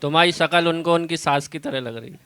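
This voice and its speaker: A man's voice: on the high side, a little fast, heavy background noise. A man on stage, heard off-mic, calling out praise and heckling jokes at the comic. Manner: cheering and heckling.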